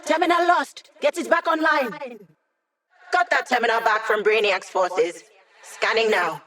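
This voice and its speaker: A woman's voice: fairly high pitch, unhurried, bright, forceful tone, roomy sound, recorded from a distance. A woman voicing a cocky, playful young female hacker in a video game, with a wry, teasing, self-assured delivery. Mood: urgent, commanding. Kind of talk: video game character voice lines.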